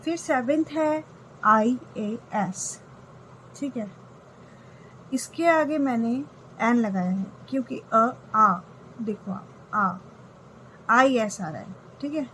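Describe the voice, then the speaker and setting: Slow-paced woman teaching English grammar. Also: on the high side, expressive, a bit bright, slight background noise, poor audio. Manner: explains step by step, often checking with "okay". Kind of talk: grammar lesson.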